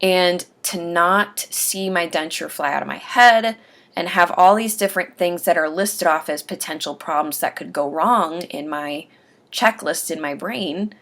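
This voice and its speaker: A woman with a slightly low voice talks straight to her camera in a casual video diary. She has a faint lisp and spells out each word with deliberate, exaggerated care, like someone practicing her own speech. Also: fairly bright tone. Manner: deliberate, over-enunciated speech. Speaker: vlogger sharing denture aftercare advice. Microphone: webcam or camera mic while watching herself on screen.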